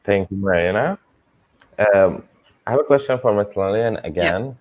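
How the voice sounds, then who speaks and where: A man from Iraq speaks in a lowish voice. He asks his question carefully, with some hesitation. The sound is slightly muffled, as if from a video call. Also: expressive, moderate pace, darkish tone. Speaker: forum participant.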